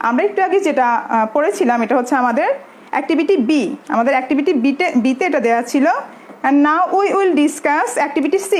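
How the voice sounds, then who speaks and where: A Bangladeshi woman teaching English to young pupils in an online class, speaking in a drawn-out way and switching between English and Bengali. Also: high voice. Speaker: primary school English teacher.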